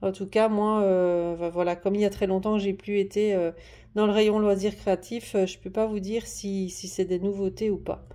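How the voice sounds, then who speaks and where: A woman chats through a craft haul at her desk, pausing often on fillers and restarting her sentences. Her voice is mellow and soft-edged, with a plain middle pitch. She addresses the camera in relaxed, easy talk. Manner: chatty, hesitant, many fillers and restarts. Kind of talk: casual show-and-tell vlog. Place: at home at a desk. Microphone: camera on the desk, moved closer and back.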